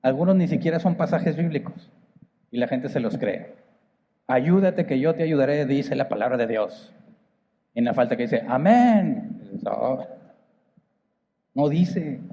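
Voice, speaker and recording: Northern Mexican pastor, joking and conversational. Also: male voice, mid-range voice, warm tone, long reverb tail, lo-fi sound. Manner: conversational, jokes with the congregation, asks rhetorical questions. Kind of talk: sermon. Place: church hall.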